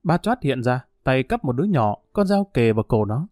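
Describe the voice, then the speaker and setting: A man narrating a crime audiobook in a steady, dramatic way. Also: mid-range voice, moderate pace, dry recording, clean studio sound.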